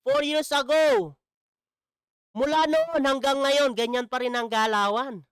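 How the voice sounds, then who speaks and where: A man's voice: very high-pitched, fairly even intonation, measured pace, fairly bright tone, dry recording, studio quality. A man commenting in a casual vlog, mocking and asking "di ba?" again and again. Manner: mocking, repeats "di ba?". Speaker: vlogger.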